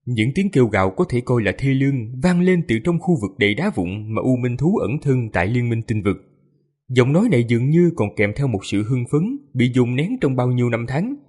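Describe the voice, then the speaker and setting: A male storyteller with a mid-range voice that rises and falls a great deal as he reads. His tone is slightly husky, and his narration is steady and expressive. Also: medium pitch, a little fast. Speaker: audiobook narrator.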